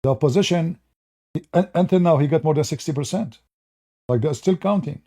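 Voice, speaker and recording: A man rattles off mocking, rambling political commentary to his viewers at a brisk clip, his voice on the high side. Despite the pace, his tone is mellow and relaxed, and he often restarts his sentences.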